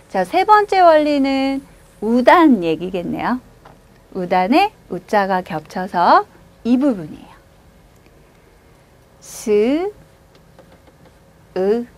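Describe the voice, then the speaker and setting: A woman teaching a language lesson, giving slow, drawn-out model pronunciations and patient explanations. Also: medium pitch. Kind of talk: classroom lecture.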